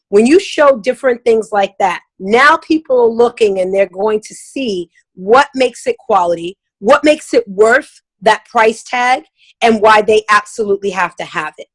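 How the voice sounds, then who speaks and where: A woman's voice: mid-range voice, poor audio. A middle-aged woman giving a casual, emphatic talk as a sales trainer, now and then acting out customer voices.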